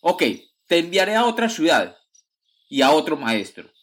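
A furious old nobleman scolds his useless son, his voice climbing high and sharp, as a man reads him in a children's story. He sounds exasperated and stern. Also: very animated, moderate pace. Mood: angry. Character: old count, stern and quick-tempered father.

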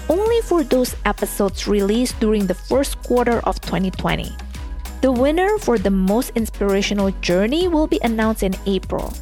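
A woman hosting a business podcast, reading a scripted intro and asking interview questions in a measured way. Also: a little high, darkish tone. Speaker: podcast host.

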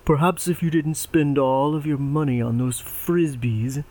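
A man's voice: on the high side, steady tone, unhurried, darkish tone, close to an everyday voice. A man voicing a prim, proper male pig who speaks formally and disdainfully. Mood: haughty.

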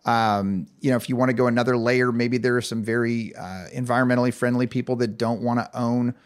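A man's voice: medium pitch, steady tone, fairly quick, smooth. Male advisor explaining, mid-range voice. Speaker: financial advisor guest. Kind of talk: conversational interview answers.

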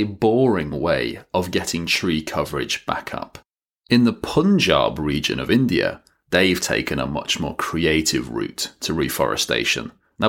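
A man's voice: rumbling low, creaky, a bit bright. A man narrating an educational history explainer, with wry, dry joking asides. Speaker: educational video presenter.

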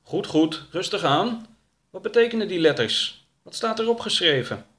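A man's voice: high-pitched, expressive, moderate pace, a bit bright, voice pushed up. A man voicing a touchy, sulky talking duck in a storybook reading, sarcastic and indignant. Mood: defensive.

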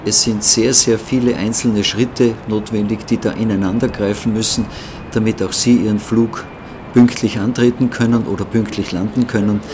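A man's voice: on the low side, fairly even intonation, moderate pace, noisy background. A man asking questions as a podcast host. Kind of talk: interview questions.

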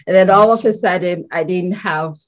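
A woman from Ghana, answering interview questions in a measured, thoughtful way and pausing with ums. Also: fairly low pitch, lo-fi sound. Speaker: guest artist.

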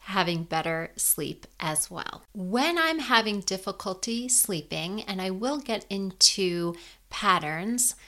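A woman in her fifties hosting a podcast and guiding a sleep meditation in a slow, soothing, gentle way. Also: mid-range voice, lively intonation. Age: 50s.

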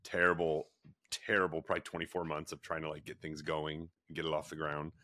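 A man, a pet treat company founder, telling a long story in a relaxed interview, full of fillers and restarts. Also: a bass voice, fairly quick, dry recording, clean studio sound. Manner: rambling, filler-heavy storytelling with many restarts.

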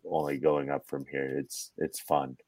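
Very deep-voiced man chatting casually. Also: little pitch movement, unhurried, darkish tone. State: voice slightly strained, on the verge of going. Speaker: podcast co-host and fishing guide. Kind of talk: casual podcast chat.

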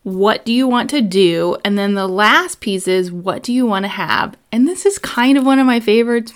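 A woman in her thirties hosting an instructional solo podcast, talking through advice in an upbeat, orderly, step-by-step way. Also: medium pitch. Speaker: podcast host giving planning advice.

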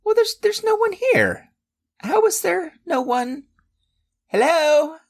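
A woman playing an anxious, sarcastic young sorcerer's apprentice in an audio drama, husky and prone to stammering indignation. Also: extremely high pitch, sing-song, slow, exaggerated voice. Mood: bewildered, panicky. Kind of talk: scripted audio drama acting.

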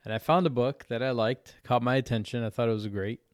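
A man's voice: mid-range voice, steady tone, fast, no echo, clean studio sound. Laid-back man telling a crude story. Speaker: podcast co-host. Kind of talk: casual chat.

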